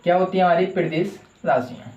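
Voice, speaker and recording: Guy teaching a class, asks then answers his own questions, kinda high voice, echoey room. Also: steady tone, fast talker, a little mellow, dull audio. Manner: asks a question, then answers it himself, repeating key terms. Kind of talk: classroom lecture with call-and-response questions.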